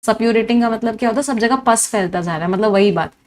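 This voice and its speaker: A woman with a higher voice speaks at a quick pace, with a slight hiss or hum in the audio. She's a lively teacher leading a live online English vocabulary class, mixing Hindi and English, listing synonym after synonym, and quizzing her students.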